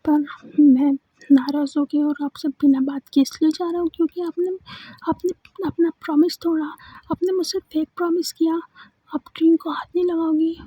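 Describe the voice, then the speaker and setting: A woman's voice: very high voice, fairly even intonation, normal speed, dark tone, no echo. A woman voicing a stern, hurt father. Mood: soft, reproachful. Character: stern, hurt father scolding his daughter. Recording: dull lo-fi recording.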